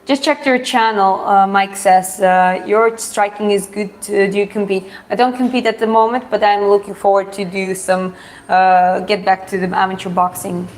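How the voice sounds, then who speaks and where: A live stream host from Georgia, whose first language is Russian, chats casually in a medium-pitched, fairly even voice at normal speed. During her Q&A, she reads viewer questions aloud in hesitant phrasing and then answers frankly.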